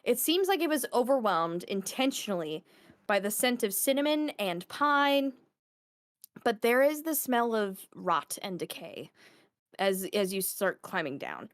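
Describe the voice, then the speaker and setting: A woman game master narrating a tabletop scene in a loose, hesitant way, pausing often on fillers. Her voice sits at a middle pitch and is recorded dry and close. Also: lively intonation, dry recording. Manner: casual, hesitant with many fillers.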